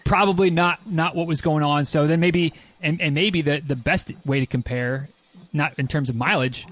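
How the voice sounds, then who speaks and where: A man's voice: a little high, normal speed, a bit bright. An American man hosting a casual podcast chat, rambling and jokey, often repeating himself as he goes. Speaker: podcast host.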